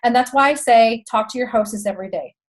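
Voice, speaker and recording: A chatty Texan woman in her thirties gives sales tips with laughing asides and calls her viewers y'all. Her voice sits high. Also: quick pace, poor audio. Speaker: direct-sales consultant and host. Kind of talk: casual how-to talk.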